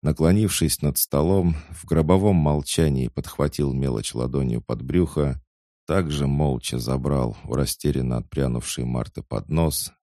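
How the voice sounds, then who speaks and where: A man narrating an audiobook in the first person, even storytelling. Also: very deep voice, moderate pace, dry recording, studio quality.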